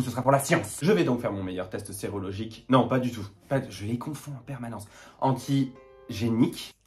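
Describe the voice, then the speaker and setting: A young man telling a story to camera in a casual, animated, jokey way, jumping into high mocking voices for asides. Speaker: vlogger.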